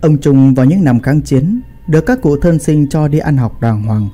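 A man narrating a family story in an expressive storytelling style. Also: on the high side, normal speed, soft background music.

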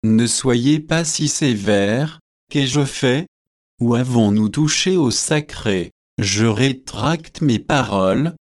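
A man's voice: medium pitch, expressive, dry recording, clean studio sound. A man voicing a witty young student who teases and argues, in an audiobook reading. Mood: protesting. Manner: teasing, quick to argue.

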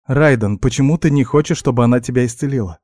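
An earnest young woman, as a man puts her on, urging and pleading in a slightly lifted voice. The tone stays dark and close, with a dry sound. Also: mid-range voice, quick pace, no room sound, close to an everyday voice. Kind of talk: audiobook character voice.

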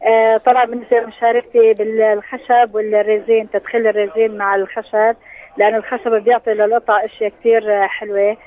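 Female craft maker, Syrian accent, high flat voice, quick live interview answers on a muffled radio line. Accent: Syrian Arabic. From Tartus, Syria. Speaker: handicraft maker being interviewed.

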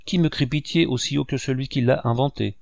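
A man's voice: medium pitch, brisk, creaky, a little mellow, no echo, clean studio sound, voice pushed up, lightly acted. A man voicing a devoted, outspoken female servant who speaks firmly and protectively, reading a French novel aloud. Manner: firm, protective, slightly scolding.

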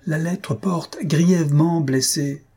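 A man voicing an irritable, easily angered middle-aged father in an audiobook, with a husky, dark voice. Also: medium pitch, expressive, fairly quick. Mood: agitated. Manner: gruff, agitated.

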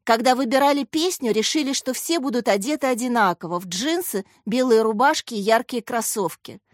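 A woman reads a children's story aloud in an expressive storybook manner. Her voice sits fairly high and lifts further for characters' lines. The recording is dry and close. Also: brisk, no echo. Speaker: audiobook narrator.

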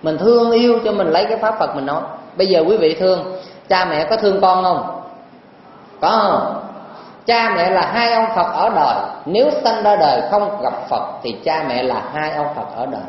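Southern vietnamese monk, highish voice, joking dharma talk, super echoey dull recording. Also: male voice, expressive, normal speed. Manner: folksy, teasing, asks the audience questions. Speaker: Buddhist monk teacher. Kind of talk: dharma talk to lay audience. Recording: very echoey hall, dull lo-fi sound, faint noise.

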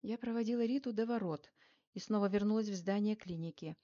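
A woman reading first-person narration for an audiobook, measured and even. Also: medium pitch, dull audio.

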